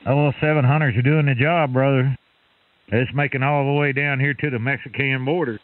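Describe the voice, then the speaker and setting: A man's voice: medium pitch, fairly even intonation, a little fast, dry recording. A man running a ham radio net, easygoing and folksy, calling the others brother. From Texas. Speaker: net control operator. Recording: tinny radio with loud hiss.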